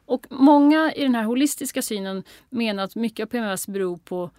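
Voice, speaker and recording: A woman's voice: fairly high pitch, no echo, studio quality. A woman, a podcast guest chatting casually and acting out quoted dialogue as she tells stories. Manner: lively storytelling, acts out quoted dialogue.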